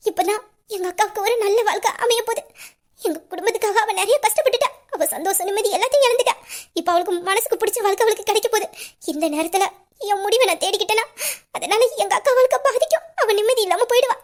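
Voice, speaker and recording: A woman's voice: very high voice, quick pace. A young woman voicing a despairing heroine devoted to her older sister, in an audio romance drama, tearful yet defiant.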